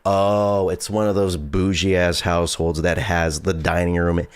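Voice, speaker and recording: A man's voice: low-pitched, level tone, unhurried, clear, resonant tone, no echo, clean studio sound. A man in his twenties live-streaming a horror game with casual, nervous, scared commentary and some swearing. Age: 20s.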